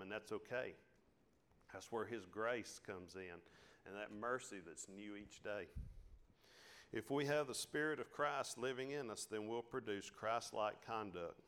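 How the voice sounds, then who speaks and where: A man's voice: fairly low pitch, fairly bright tone, smooth. A man preaching a sermon in a Southern American country drawl, in a folksy, down-home way. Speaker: pastor.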